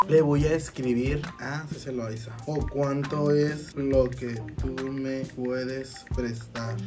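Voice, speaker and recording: A man with a Mexican accent in a casual vlog, reading chat messages aloud in a playful, giggly, teasing way. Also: fairly high pitch. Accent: Mexican Spanish. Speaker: vlogger. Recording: background music under the voice.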